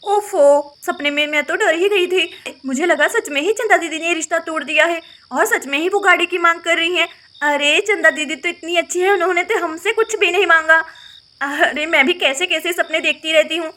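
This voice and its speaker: A gentle young sister-in-law in a doll story, voiced by a woman. She speaks softly and placatingly in a very high voice. The tone is bright and clear. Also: normal speed. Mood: relieved. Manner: soft, pleading, placating.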